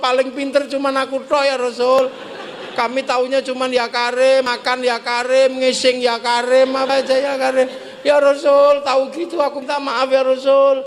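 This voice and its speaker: A man with a Javanese accent voicing a naive, stubborn village man who blurts out blunt threats and pleas. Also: very high voice.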